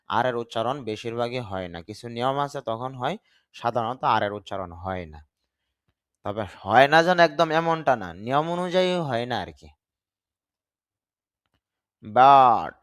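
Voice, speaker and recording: A man's voice: mid-range voice, a bit bright. Bengali man teaching English pronunciation. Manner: spells out letters and drawn-out pronunciations, stressing syllables. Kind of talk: spoken English lesson.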